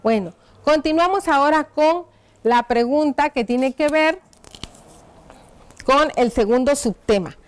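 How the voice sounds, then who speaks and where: A woman teaching a primary school lesson on television, dictating slowly as she writes on a board and checking in with the children through frequent tag questions. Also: high voice. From Mexico. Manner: slow, careful dictation while writing on a board.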